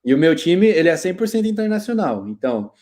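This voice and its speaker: A Brazilian man in his thirties, a guest telling stories in a relaxed, slangy, animated way over a video call. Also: a little high, fast. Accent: Brazilian Portuguese. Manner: lively storyteller, slangy, laughs often. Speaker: guest, IT specialist. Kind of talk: casual interview chat.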